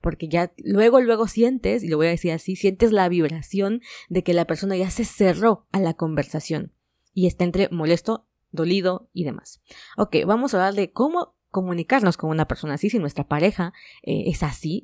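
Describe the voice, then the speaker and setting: A woman's voice: fairly low pitch, normal speed, a little mellow, no room sound, studio quality. A woman from Mexico with a Mexican Spanish accent, hosting a relationship advice podcast in a chatty, frank way with playful asides. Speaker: podcast host.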